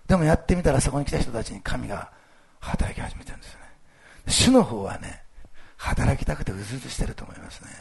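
A man speaking as a pastor, giving a casual, lively sermon with church announcements and plenty of fillers. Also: medium pitch, fast. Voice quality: gravelly, husky voice. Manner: lively, animated delivery with many fillers.

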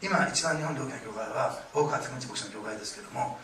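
A middle-aged man preaching a sermon, telling stories with lively acted-out quotes, in a church hall. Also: mid-range voice, fast, heavy background noise. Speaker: pastor. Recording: echoey room, distant mic, faint ambience.

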